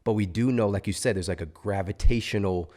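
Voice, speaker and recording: A man's voice: fairly low pitch, a little fast, warm tone. A man hosting a podcast interview, thoughtful and searching for his words as he reflects. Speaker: podcast host. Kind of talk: casual interview chat.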